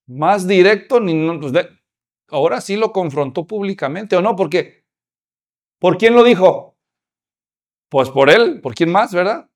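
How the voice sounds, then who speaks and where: A male preacher delivers a sermon in a high, bright register. He is animated, acting out little scenes with humor and pressing his points with emphasis. His voice swings from hushed asides to loud declarations. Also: measured pace, pauses often.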